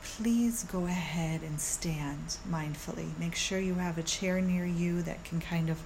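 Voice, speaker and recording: A woman who teaches meditation guides a mindfulness practice in a soothing, gentle way, with measured pauses, like a calm yoga teacher. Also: fairly low pitch, noisy background. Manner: unhurried, measured, with long pauses.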